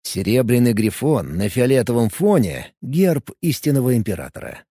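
A man narrating a fantasy novel in first person with lively storytelling. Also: medium pitch, moderate pace, breathy edge, dry recording, clean studio sound. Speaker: audiobook narrator.

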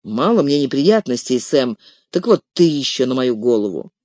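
Brief: a weary, determined male hobbit, calm and quietly firm, as the narrator voices him. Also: normal speed, dry recording. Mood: resigned. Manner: low, calm, gently stern. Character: weary, resolute male hobbit on a grim quest. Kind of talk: audiobook character reading.

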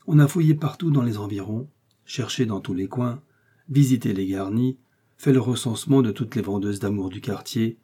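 A man's voice: on the low side, normal speed, dark tone, breathy edge. A man reading an audiobook, voicing an agitated middle-aged police chief who talks nervously and complains. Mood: exasperated.

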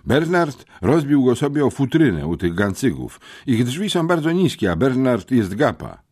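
A frightened teenage boy in a storybook, stammering and pleading in a raised voice that leaps up and down, as a male narrator puts him on. The tone is slightly husky. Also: medium pitch, very animated, normal speed, a little mellow, no room sound, clean studio sound, voice pushed up. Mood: protesting.

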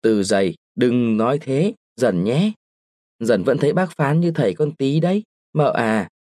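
A man voicing a young widowed mother who speaks softly and sadly, and scolds now and then. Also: medium pitch, lively intonation, measured pace, no echo, studio quality. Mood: sad gentle. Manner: soft, sad, sometimes sharp.

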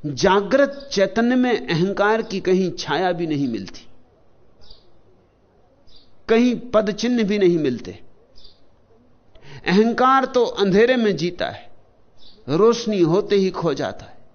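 Slow, deliberate male spiritual teacher. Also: high voice, very animated, highs cut off. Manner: slow and deliberate, lists single words with long pauses. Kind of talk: spiritual discourse.

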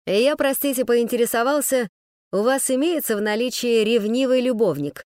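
A woman voicing a cheerful, mysterious man who teases with ironic gallantry, shifting between a brighter voice and a lower one. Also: sing-song, normal speed, no room sound, studio quality. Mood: teasing. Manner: playful, mock-gallant, teasing.

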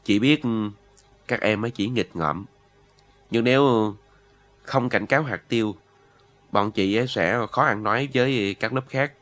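A man reading aloud, voicing a gentle older-sister youth leader who speaks softly to a pupil. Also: lowish voice, a little slow, pauses often, soft background music. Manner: soft, gentle.

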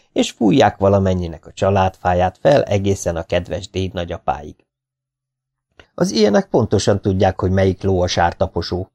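A man's voice: low-pitched, mellow. A man narrating a memoir audiobook in a wry storytelling manner. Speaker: audiobook reader.

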